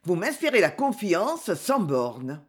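A reader voicing a suspicious, commanding fifteen-year-old king in an audiobook, with stern, threatening lines and weighty pauses. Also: medium pitch, very animated, slightly rough, heavily acted. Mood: pleading, warning. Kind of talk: audiobook character reading.

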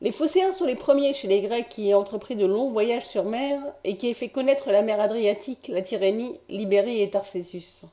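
A woman narrating an audiobook of ancient history in a measured, formal reading style. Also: a little high, warm tone.

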